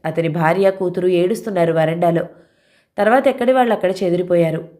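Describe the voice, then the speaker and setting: A woman narrating a novel in a steady storytelling manner. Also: lowish voice, quick pace. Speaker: audiobook narrator. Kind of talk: novel reading.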